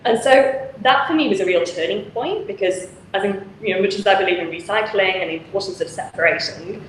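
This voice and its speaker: Talking fairly quickly in a medium-pitched voice, a charity founder from Manchester, England, gives a frank, chatty video-call interview and laughs often. She's in her charity office among volunteer lockers, where the room echoes and faint noise can be heard.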